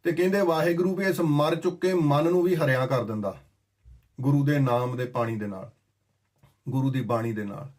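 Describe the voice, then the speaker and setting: A man giving a sermon that explains scripture. He chants verses slowly and then explains them in plain, conversational talk. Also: mid-range voice, a little mellow. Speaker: Sikh scripture preacher.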